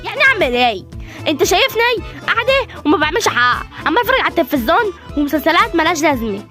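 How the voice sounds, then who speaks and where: A woman's voice: very high-pitched, sing-song, rapid-fire, sharp tone, soft background music, heavily acted. A woman voicing a spoiled, bored rich young daughter who whines and makes demands in Egyptian Arabic. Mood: whiny. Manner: whiny, demanding.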